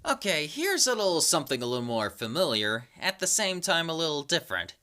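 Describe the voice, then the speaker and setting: A speaker presenting a countdown in a horror-host manner, with theatrically spooky asides and dramatic pauses. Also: mid-range voice, big pitch swings, music in the background. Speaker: host of a top-ten creature countdown video. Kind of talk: spoken countdown commentary, semi-improvised.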